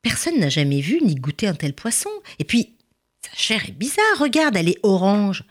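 A woman's voice: mid-range voice, big pitch swings, moderate pace. A woman voicing a fretful housewife in a told story who scolds and complains fussily. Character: client's wife, fretful, disgusted housewife.

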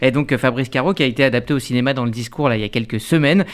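A man hosts a radio roundtable in a smooth, resonant voice. He sounds relaxed and laughs easily. His pitch sits at an everyday middle. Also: racing. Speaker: radio host. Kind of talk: hosting a morning radio roundtable.

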